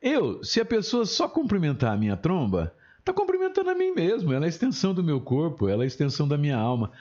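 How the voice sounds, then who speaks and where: A man's voice: a little high, very animated, fast talker, a little mellow. A man hosting a live show, teasing his co-host in a joking, playful way. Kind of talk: joking live broadcast chat. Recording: dull lo-fi broadcast audio.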